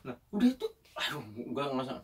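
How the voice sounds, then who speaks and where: A young man telling an animated story in casual chat and acting out the voices of the people in it. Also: on the high side, quick pace, gravelly, far from the mic, slight background noise.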